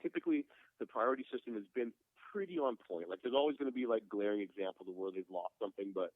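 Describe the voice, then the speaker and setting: A man's voice: lowish voice, quick pace, dry recording. A man in his late thirties, a guest glassblower talking business in an earnest, reflective way, calling in by phone. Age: 30s. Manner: earnest, reflective, frequent "man" and "you know". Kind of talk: casual podcast conversation. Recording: tinny phone line.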